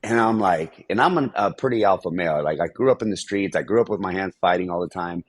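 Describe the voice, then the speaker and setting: A man's voice: sits low, fast talker, no echo. A man on a podcast telling his life story in plain, frank words with some swearing, acting out old conversations. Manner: candid and profane, acts out past conversations. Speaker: podcast guest. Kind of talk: storytelling in an interview.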